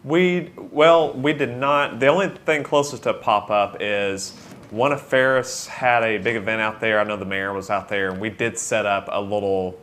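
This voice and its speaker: A man, a shop owner, talking about his business in a relaxed, plain-spoken way. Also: fairly low pitch, moderate pace. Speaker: cookie dough shop owner. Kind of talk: casual interview.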